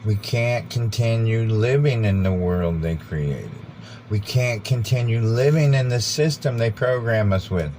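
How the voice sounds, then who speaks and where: An American man giving an informal, rambling monologue, earnest and deliberate, repeating phrases for emphasis. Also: a little mellow. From United States. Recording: background noise with vehicle rumble.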